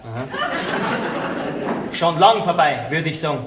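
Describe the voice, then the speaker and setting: A man's voice: a little high, animated, a little slow, noisy background. Earnest teasing young man, bavarian accent, hall-like stage sound. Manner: righteous, teasing. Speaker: stage actor. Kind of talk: folk theater comedy acting. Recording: echoey stage recording.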